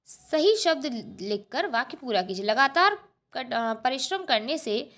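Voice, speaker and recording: A woman's voice: sits high, sing-song, measured pace, a bit bright. A woman teacher working through a schoolbook lesson, explaining step by step, repeating answers and asking the class rhetorical questions. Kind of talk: textbook lesson walkthrough.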